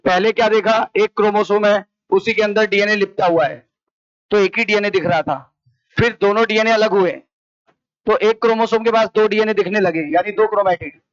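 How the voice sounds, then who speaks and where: A man's voice: high voice, steady tone, moderate pace, clear, resonant tone, dry recording, lo-fi sound. A man with an Indian accent teaching a biology class, firing the same question at students again and again. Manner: repetitive question-and-answer drilling. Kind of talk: classroom lecture. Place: coaching classroom.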